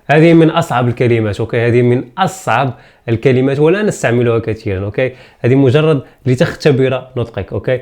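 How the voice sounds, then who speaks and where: A man with an Algerian accent teaching English pronunciation, saying each word again and again slowly and switching between Arabic and English. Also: mid-range voice, a little mellow. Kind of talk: pronunciation lesson.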